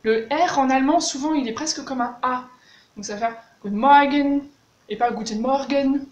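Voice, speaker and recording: Woman teacher, high bright voice, echoey room with faint hiss, chatty. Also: brisk, muffled recording. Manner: chatty, demonstrates German words with exaggerated pronunciation. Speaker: German language teacher. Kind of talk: casual video lesson.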